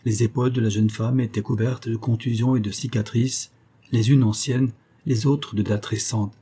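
A man narrating a literary audiobook in a measured, dramatic way. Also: mid-range voice, fairly even intonation, warm tone, breathy edge.

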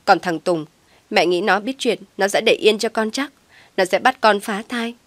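A woman's voice: medium pitch, a little fast, dry recording, lightly acted. A woman voicing a stubborn young daughter who pleads tearfully with her mother, recorded dry and close. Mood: pleading.

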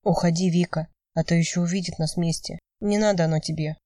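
A woman voicing a heartbroken, withdrawn young man who speaks quietly in an audiobook. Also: lowish voice, steady tone, a little fast, no room sound, recorded from a distance, lightly acted. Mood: weary. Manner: quiet, weary, subdued.

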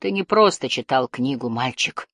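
A woman's voice: sits low, animated, moderate pace, slightly rough, no echo, studio quality. A woman reading the part of a cold, scheming old male guardian who drawls and hisses his words. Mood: menacing. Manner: hissing, drawling, menacing.

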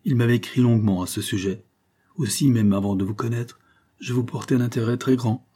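An earnest, gallant young nobleman speaking with fervent courtesy, as a male reader gives him voice. The tone is dark and husky, with a storybook warmth. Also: mid-range voice, brisk, close to an everyday voice. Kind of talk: audiobook character voice.

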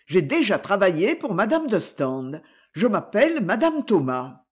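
Un homme qui lit un livre audio et prête une voix rauque à une femme de ménage mal habillée, hardie et provocante. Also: male voice, sits high, sing-song, measured pace, full character voice. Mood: hoarse, pleading. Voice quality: raspy. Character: shabby, hoarse charwoman, bold and defiant.

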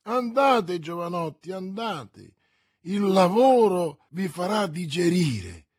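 A man voicing a pompous, stingy older lawyer in an audiobook reading, speaking gravely and with drawn-out exclamations. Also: high voice, animated, dry recording, clean studio sound, heavily acted.

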